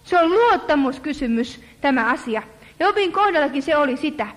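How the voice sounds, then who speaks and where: A woman with a high voice delivers an earnest sermon in a church hall. She calls her listeners friends and draws her words out to stress them. A long, ringing reverb trails after every phrase. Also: expressive. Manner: earnest, addresses listeners as friends, slows for emphasis. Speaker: preacher.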